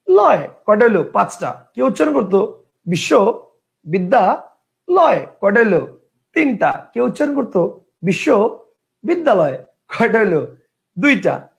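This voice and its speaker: A man's voice: sits high, gravelly, a little mellow. A man teaching an online grammar class in a conversational way, repeating his points and asking listeners questions. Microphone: online class host mic.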